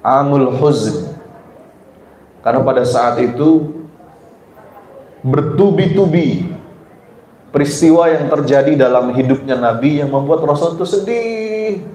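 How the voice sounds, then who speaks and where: Male preacher, conversational sermon, keeps asking the women listening questions, mellow tone, roomy hall. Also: fairly high pitch. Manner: often turns to the women listening and asks them questions; soft and slow in reflective passages. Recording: roomy hall with faint ambience.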